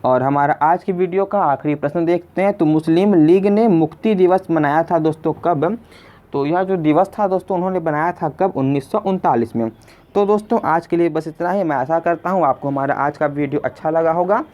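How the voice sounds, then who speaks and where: A brisk man with a fairly high voice, a quiz teacher and video host, walks through an exam lesson in question-and-answer style. He repeats his questions and speaks to listeners as friends. The recording sounds dull and lo-fi.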